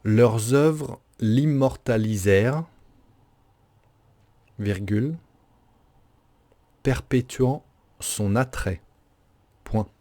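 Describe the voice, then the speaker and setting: A mellow-voiced man dictating at an extremely slow pace. He articulates carefully, breaks sentences into short phrases and says the punctuation aloud like a teacher. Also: medium pitch. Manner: deliberate, carefully articulated, repeating each phrase.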